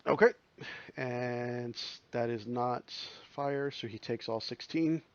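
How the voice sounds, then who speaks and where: A man's voice: medium pitch, slow, dry recording. A man narrates a tabletop game as game master, patiently walking the players through rolls and rules. His voice sits in an ordinary middle register. It reaches us as a dry, slightly dull voice-chat recording. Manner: calm, explains rules and rolls.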